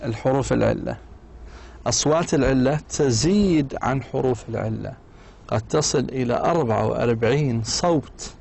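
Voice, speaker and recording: A man giving a university English lecture, explaining slowly in Arabic and sounding out English example words. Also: mid-range voice, creaky, a little mellow, a little hiss or hum. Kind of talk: distance-learning lecture.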